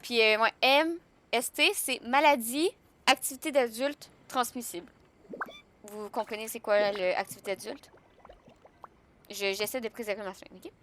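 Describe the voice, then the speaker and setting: A woman's voice: on the high side, a little slow, a bit bright. A young woman with a Québécois French accent chatting casually on a live stream, joking and answering her chat.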